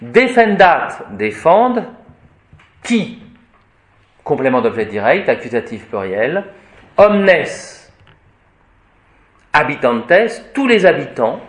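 Slow, deliberate priest teaching in an echoey room. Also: male voice, mid-range voice, sing-song. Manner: slow, deliberate, explains word by word. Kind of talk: classroom grammar lesson.

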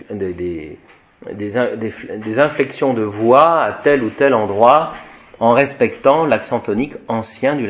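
A man at a middle pitch lecturing a Latin class, reading passages from a textbook and stopping to explain them in his own words. He drawls Latin words slowly and chants declensions, often restarting his sentences. The recording is dull and lo-fi. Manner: slow explanatory, tags sentences with "hein" and "voyez", frequent restarts. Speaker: Latin teacher.

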